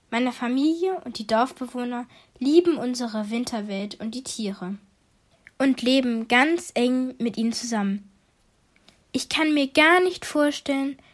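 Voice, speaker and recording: Woman voicing a gentle young princess. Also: fairly high pitch. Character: young kind hopeful princess.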